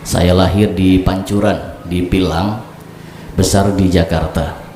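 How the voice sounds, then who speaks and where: A man's voice: sits low, steady tone, slow pace, mellow. Man, middle-aged preacher, jokey banter with the crowd, echoey hall, faint background noise. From Cirebon, Indonesia. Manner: joking, banters with the audience. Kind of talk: religious sermon at a gathering. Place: evening religious gathering.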